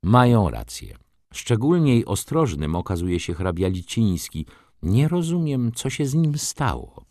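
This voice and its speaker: An excitable middle-aged lawyer presses his point insistently, as a man reads him. His low voice swings animatedly. The sound is dry. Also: a little slow, dry recording.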